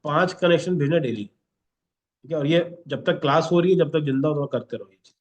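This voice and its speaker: A man's voice: a little high, brisk. Man teaching a class, dull lo-fi sound. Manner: instructive, repeats 'okay?' constantly. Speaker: instructor. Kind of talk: classroom lesson.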